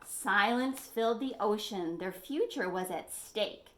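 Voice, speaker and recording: With a mid-range, slightly bright voice and lively intonation, a librarian reads a picture book to young kids at an unhurried pace. Her expressive storytime delivery pulls the children in through questions.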